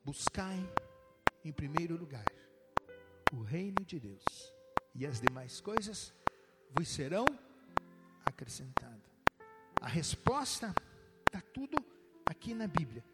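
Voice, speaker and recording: A middle-aged man delivers a sermon from a church pulpit. His voice sits fairly high and swings widely up and down with animated emphasis. Loud instrumental music plays underneath throughout. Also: slow pace, long pauses. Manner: animated preaching, swooping from low to high. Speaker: pastor.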